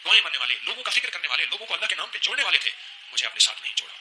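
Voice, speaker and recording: A man preaching a sermon, repeating phrases with feeling and slowly chanting prayers. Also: fairly high pitch, very animated, sharp tone, a little hiss or hum, poor audio. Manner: emotional, repetitive preaching, slow chanted prayers. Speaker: religious speaker. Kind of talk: sermon with recitation.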